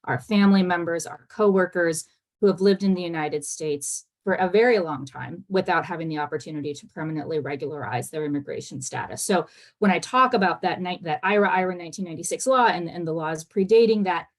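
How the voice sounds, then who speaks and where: A woman immigration lawyer answering on a panel discussion over a video call, speaking quickly and earnestly with many fillers and restarts. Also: fairly low pitch. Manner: fast-talking, earnest, with frequent fillers and restarts.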